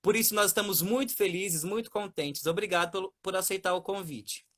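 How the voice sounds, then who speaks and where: A man's voice: high-pitched, brisk, a bit bright. A man, a seminarian interviewer greeting his guest in an earnest, effusive way. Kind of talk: formal welcoming interview intro.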